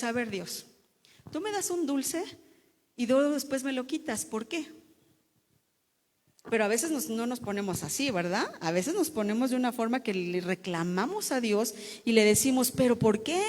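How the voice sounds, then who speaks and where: A fairly high-voiced woman tells her testimony to a church congregation. She speaks emotionally, repeating and restarting words as she goes. Her voice carries a long reverb, like a church hall. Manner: emotional storytelling with repetitions and restarts. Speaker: pastor's wife giving testimony.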